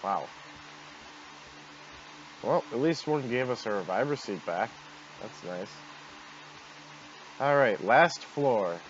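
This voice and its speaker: Man, mid-pitched voice, casual gameplay commentary, muffled home mic, faint background noise. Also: expressive, slow, pauses often. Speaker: gameplay video host. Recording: dull noisy home microphone.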